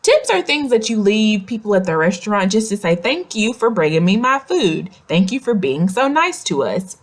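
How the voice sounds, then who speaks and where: A storyteller reads a picture book aloud to young children, expressive and adding simple questions and explanatory asides. Her voice is medium in pitch with big swings, at normal speed.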